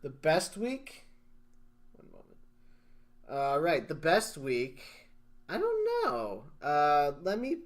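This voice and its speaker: A man co-hosting a wrestling podcast, talking excitedly, laughing often and leading the segments. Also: on the high side, slow pace, pauses often. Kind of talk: casual chat.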